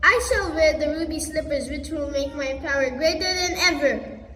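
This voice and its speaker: Wicked witch played by a young woman, shrill, accusing, school stage play, roomy hall, distant mic. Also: moderate pace, fairly bright tone, a little hiss or hum. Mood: greedy angry. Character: wicked female witch, spiteful and furious. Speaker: school skit actor. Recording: echoey hall from far off.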